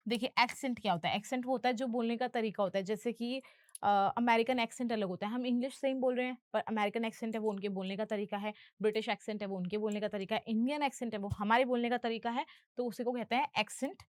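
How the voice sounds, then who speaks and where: A woman's voice: on the high side, fairly even intonation, quick pace, dry recording, clean studio sound. A woman English teacher explaining film dialogue in a lesson, patient and going through each term step by step.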